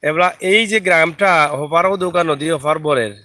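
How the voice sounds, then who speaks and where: A man's voice: a little high, moderate pace, pushed and bright, dry recording. A man with a Sylheti accent chatting live to viewers from a riverside village, greeting them by name. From Bangladesh. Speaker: vlogger. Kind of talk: live video chat while filming outdoors.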